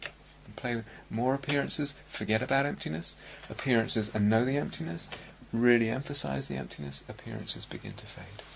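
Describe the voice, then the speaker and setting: A middle-aged man with an English accent giving a dharma talk as a meditation teacher, speaking in a reflective, halting way with many restarts. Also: mid-range voice, very animated, creaky, a little hiss or hum. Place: meditation hall at a retreat centre.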